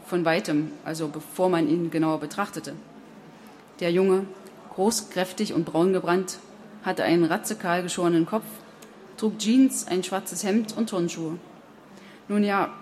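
A woman narrating an audiobook in an even, measured storytelling manner. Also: on the low side, a little hiss or hum. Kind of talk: audiobook reading.

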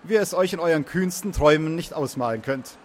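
A man voicing a calm, self-assured wandering minstrel who speaks courteously. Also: a little high, fast, a little hiss or hum, natural voice.

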